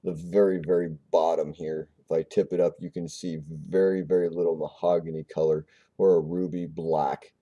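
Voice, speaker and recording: A man with a low, very dark and mellow voice reviews a beer on camera in a loose, rambling way. He trips over words and repeats himself as he pours and describes it. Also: little pitch movement, normal speed, highs cut off. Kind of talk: casual video review.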